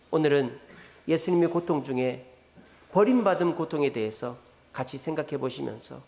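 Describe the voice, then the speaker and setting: Lively high-voiced male preacher. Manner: animated preaching, asks the congregation rhetorical questions. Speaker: pastor. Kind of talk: sermon. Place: church sanctuary. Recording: echoey church hall reverb.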